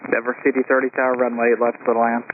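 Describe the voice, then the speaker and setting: A man's voice: mid-range voice, monotone, racing. A man working as a tower controller, giving clipped procedural air traffic control instructions over the radio. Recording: narrowband aviation radio with clicks, faint noise.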